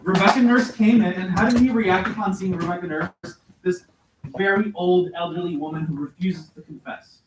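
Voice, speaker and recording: High-pitched guy teaching a class, keeps asking questions, super echoey far-off room. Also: normal speed, a little hiss or hum. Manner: questioning, coaxing students. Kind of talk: classroom lesson.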